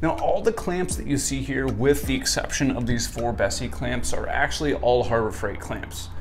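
A man's voice: mid-range voice, normal speed, over music. Chatty young man touring his garage shop. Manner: friendly, chatty, dry humor. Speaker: woodworking channel host. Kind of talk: casual shop tour. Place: small one-car garage workshop. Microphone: wireless lapel mic.

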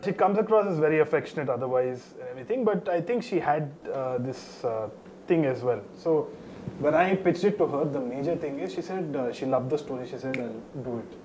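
A man, a film director giving a lively interview answer and mixing in Telugu phrases. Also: fairly high pitch, fast talker, a little hiss or hum, poor audio.

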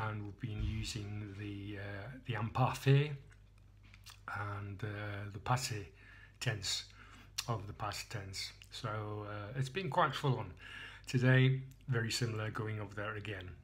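An Englishman chatting casually through a beer tasting, rambling and poking fun at himself, recorded as a handheld phone video indoors. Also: lowish voice. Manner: chatty, rambling, self-mocking. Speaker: beer reviewer.

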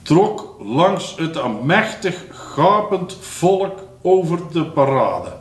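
Slow man reading a dictation. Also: very animated, echoey room. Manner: reads each phrase slowly, then drops low to call out punctuation. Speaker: dictation reader.

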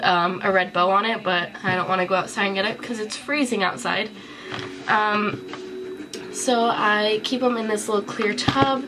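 Showing off a collection to the camera, a cold-stricken vlogger in her twenties chats casually from a small bedroom. The recording is low quality, and her voice sits at a medium pitch.

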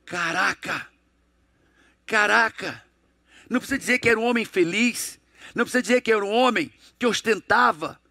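A man's voice: fast talker, no room sound, clean studio sound. A middle-aged Brazilian man giving an emphatic motivational lecture, firing rhetorical questions at the audience. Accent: Brazilian Portuguese. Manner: acts out dialogues in a lowered, hushed voice. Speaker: coach and motivational speaker.

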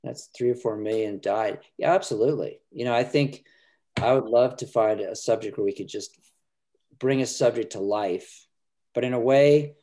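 This middle-aged man has a mellow, medium-pitched voice and appears as a filmmaker guest in a relaxed video call from his home. His webcam catches him speaking earnestly and haltingly, with frequent restarts.

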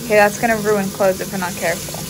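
A woman's voice: mid-range voice, steady tone, quick pace. A young woman narrating a casual cooking vlog in a home kitchen, directing the younger kids as they cook. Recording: noisy kitchen with sizzling pan.

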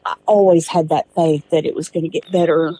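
A middle-aged woman with a lowish, mellow voice tells her own hard story in an interview. She laughs nervously between painful memories, acts out other people's words, and her voice climbs when she gets indignant. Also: fairly even intonation, brisk, breathy edge, rough recording. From East Texas. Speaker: interviewee, accused mother. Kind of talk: recounting a personal ordeal in an interview.

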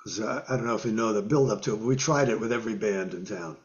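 Rapid-fire and fairly low-pitched, an older man tells lively stories as an interview guest over a video call webcam from his home music room. He laughs a lot and acts out quotes, sound effects and guitar sounds in this casual interview, with the high frequencies cut off.

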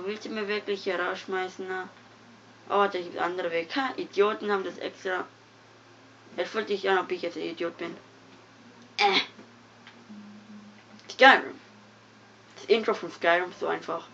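A young woman giving casual, excitable commentary while playing a game, mumbling one moment and yelping the next. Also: lowish voice. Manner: excitable, giggly, swings from mumbling to loud yelps. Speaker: gamer. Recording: dull lo-fi home recording with faint noise.

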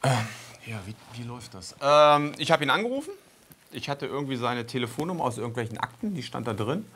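A man, an investigative journalist, telling stories in a casual podcast chat with lively hesitations. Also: medium pitch, fast talker, slight background noise.

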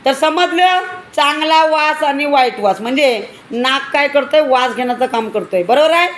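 A woman with a fairly high voice and a Marathi accent leads a class of small children. She keeps quizzing them and coaxing them to speak up. A faint hiss of noise sits under her voice. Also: lively intonation, normal speed. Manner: questioning, coaxing children to answer louder. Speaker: preschool teacher. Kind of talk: classroom teaching to young children.

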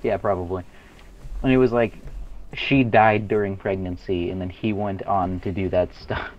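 A man's voice: sits low, fairly even intonation, moderate pace, dull audio. A young man in casual gaming voice chat, trading crude and silly banter. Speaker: online gamer.

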